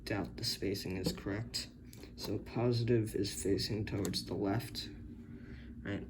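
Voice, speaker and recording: A man who builds circuits as a hobby thinks aloud with a fairly low voice, fairly even intonation and a measured pace. His manner is hesitant and unsure, with frequent self-corrections. Background noise comes through on the camera's built-in mic.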